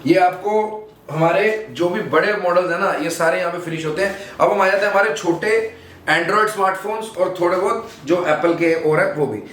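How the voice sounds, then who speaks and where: A young man with a Delhi Hindi accent selling phones in a small shop, calling out prices in brisk, repeated sales pitches. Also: fairly bright tone. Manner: brisk, repetitive price calls. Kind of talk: sales pitch showing products. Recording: echoey room, faint background noise.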